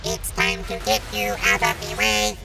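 Squeaky, rubbery monster robot villain for kids' audio drama, creaky, distant, grandiose and petulant. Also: female voice, sing-song, normal speed, loud music behind the voice. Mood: threatening. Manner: taunting, grandiose villain talk. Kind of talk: children's audio drama acting.

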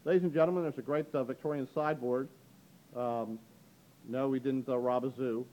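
A middle-aged auctioneer man with a warm, mellow voice gives an upbeat, chatty preview of antique items. He is heard through a handheld camera mic as he walks an indoor gallery. Faint room noise sits under his talk. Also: fairly even intonation, brisk, rough recording. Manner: chatty, upbeat pitch with frequent "ladies and gentlemen". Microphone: handheld camera mic, speaker behind the camera.

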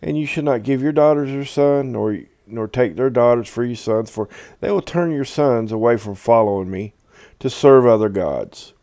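A man teaching from the Bible in a conversational, halting way, reading long passages aloud and explaining them with fillers and restarts. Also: mid-range voice, dark tone, no echo, studio quality.

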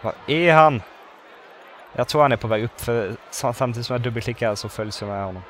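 A man's voice: mid-range voice, a little hiss or hum. A man chatting casually through his gameplay, thinking aloud and counting under his breath as he builds. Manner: bursts into loud excited exclamations. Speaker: let's play gamer.

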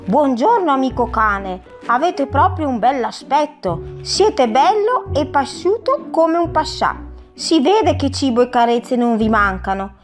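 A woman's voice: high voice, very animated, a little slow, soft background music, pitched above the performer's own voice. A woman voicing a scrawny, hungry male wolf in a storybook fable who prizes his freedom, courtly in manner. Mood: courteous.

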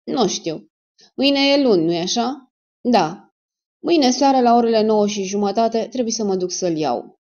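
A woman's voice: fairly high pitch, lively intonation, a little mellow, voice pushed up, lightly acted. A woman playing a cornered, shaken male dentist. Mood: broken. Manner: tense, protesting, shaken. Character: cornered middle-aged male dentist under arrest. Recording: dull lo-fi recording.

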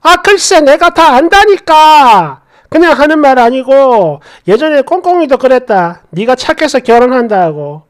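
A woman's voice: sits high, animated, normal speed, hardly any pauses, a little mellow. A woman voicing a pushy, nagging older mother-in-law who insists and repeats herself, in a spoken story. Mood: insistent.

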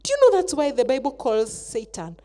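A woman teaches children in Sunday school, telling a Bible story with animated delivery. Her voice sits fairly high and moves through a lively, expressive range. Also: brisk. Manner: animated, acts out the characters.

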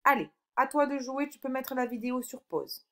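A woman teacher giving a recorded phonics lesson to a young child, slowly stretching out example words and checking in with "d'accord?". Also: high voice, lively intonation. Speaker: primary school teacher.

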